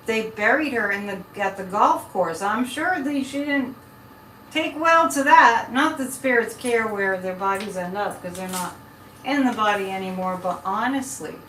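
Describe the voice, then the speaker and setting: Chatty psychic lady on a livestream, rambly, bright voice, echoey and kinda far from the mic. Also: a little high. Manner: rambling, breaks off mid-thought, chatty. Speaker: live show host and psychic. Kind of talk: casual live chat with viewers, giving psychic impressions. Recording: echoey room, distant mic, faint noise.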